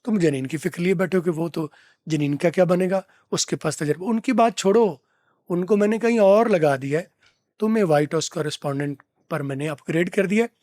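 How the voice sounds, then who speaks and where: A man teaching English from film dialogue, repeating phrases slowly to drill pronunciation. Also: high-pitched, a little mellow, no room sound, clean studio sound. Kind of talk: lesson explaining film dialogue.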